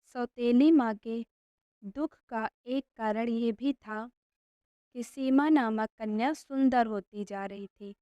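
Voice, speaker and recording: A woman reading a scripted moral fairy tale as storyteller, in a formal, measured manner. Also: fairly high pitch, dark tone, no echo, dull audio.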